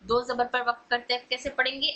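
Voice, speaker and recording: A woman's voice: fairly high pitch, little pitch movement, fast talker, sharp tone, highs cut off. A woman teaching an online recitation lesson, patiently explaining and repeating each rule.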